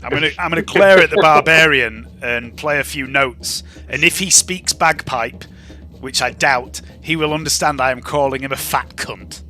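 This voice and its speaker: A man's voice: on the high side, moderate pace, sharp tone, faint music behind. A man playing a tabletop game, chatting casually and sweary as he describes what he does. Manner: sweary, describes actions in first person. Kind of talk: casual gaming chat.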